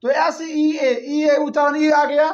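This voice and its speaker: A man's voice: very high voice, little pitch movement, takes it slowly, lo-fi sound. A male teacher giving a classroom lesson, drilling students by repeating his questions and answers back and forth.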